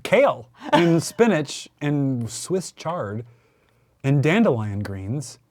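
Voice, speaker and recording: A man's voice: on the high side, very animated, slow pace, a little mellow, no echo. Man co-host, playful and self-mocking, casual chat, dry close sound.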